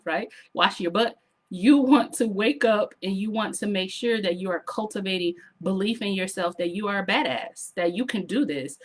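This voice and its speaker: A woman coaches her online audience in a sassy, animated way. Her voice is slightly hoarse, and she keeps up a lively, motivational tone. She often stops to ask the viewer to drop a comment. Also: mid-range voice. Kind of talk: motivational vlog talk to camera.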